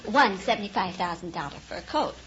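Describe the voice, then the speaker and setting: On an old radio quiz show, an American woman from Kansas who ranches chinchillas talks with the host in seemingly unscripted chat, cheerful but slightly hesitant when explaining. She has a medium pitch, lively intonation, and a fairly quick pace, while a studio audience sits behind the dull, noisy audio.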